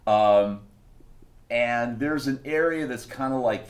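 A man's voice: mid-range voice, slow. A man narrating as game master of a tabletop game, describing scenes playfully.

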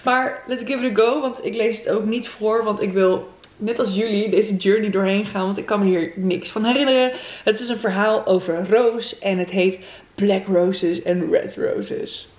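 A woman's voice: mid-range voice, moderate pace, a little mellow, echoey room. A Dutch woman vlogger reading an old story aloud at home, with chatty, giggly asides. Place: room at home.

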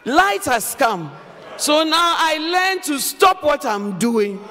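A woman pastor preaching a sermon in an animated, emphatic way, often raising her voice to a shout. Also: sits high, takes it slowly. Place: church hall. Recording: reverberant church hall, faint background noise.

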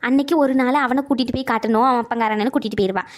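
Cartoon granny, elderly and doting, voiced by a woman; high, rapid, fussy scolding that melts into coaxing. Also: close to an everyday voice. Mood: gossiping. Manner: scolding gossip turning to coaxing pleas. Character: talkative elderly grandmother, fussing and doting. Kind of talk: cartoon voice acting.

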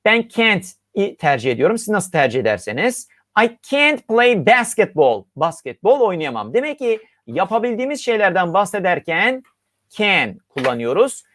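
A teacher from Turkey giving a recorded English lesson, reading each example phrase and then translating it, drawing out the English phrases slowly. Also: mid-range voice, sing-song, fairly bright tone, no room sound.

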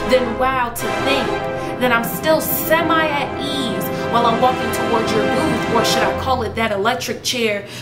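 Woman doing spoken word on her couch, sassy n rhythmic, echoey room, music playing under. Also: fairly high pitch. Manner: rhythmic, sassy, rhetorical questions. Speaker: hair vlogger. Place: living room, seated on a sofa. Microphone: camera in front, head and shoulders framing.

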